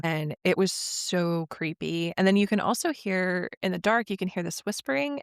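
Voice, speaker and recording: A woman co-hosting a podcast talks about horror films with eager, jokey enthusiasm and casual swearing. Her voice is smooth, clear and a little low. The sound is dry and close. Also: dry recording. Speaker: podcast co-host. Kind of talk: casual film review chat.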